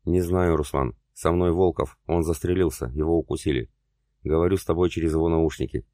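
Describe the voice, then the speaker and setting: A frightened, hiding survivor from an audiobook, as a man reads him, hushed and halting. The voice is very deep and mellow. The recording is dry, with no room sound. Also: dry recording. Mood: tense.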